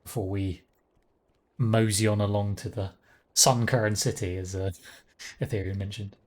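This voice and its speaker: A man's voice: lowish voice, steady tone, normal speed. A man casually commentating on his live game stream, rambling with wry, chuckling asides.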